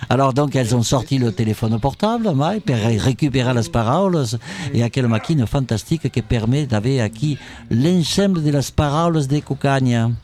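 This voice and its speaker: A man's voice: mid-range voice, lively intonation, moderate pace, darkish tone. A man hosting a live radio interview, jovial and chatty, dropping Occitan phrases into his French. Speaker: radio host.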